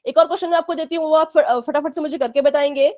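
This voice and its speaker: High-voiced woman teaching math online. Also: steady tone, fast talker, mellow. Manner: patient, repeats checks, firm warnings. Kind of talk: live online class for children.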